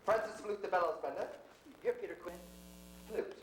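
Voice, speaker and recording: A man playing a fussy carpenter who directs the players, in a Shakespeare stage performance, coaxing and quick to laugh. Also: high-pitched, a little hiss or hum, close to an everyday voice. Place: theatre stage. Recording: roomy stage from far off.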